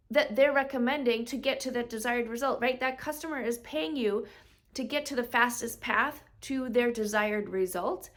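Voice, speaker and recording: A woman's voice: on the high side, a bit bright. A woman hosting a solo business podcast, talking conversationally and checking in with rhetorical questions like "right?", now and then acting out customers' voices in quoted asides. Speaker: podcast host, business coach.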